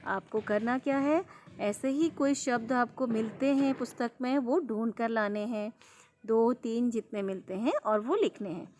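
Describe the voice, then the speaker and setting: A woman teaching a young class, reading words slowly and drawn out, asking questions and answering them herself. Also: on the high side, a little mellow. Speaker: primary school teacher. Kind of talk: online class lesson.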